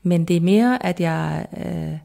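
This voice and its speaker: A woman's voice: lowish voice, creaky, mellow. Reflective woman in her sixties. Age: 60s. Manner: hesitant, reflective, many fillers. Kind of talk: interview answer.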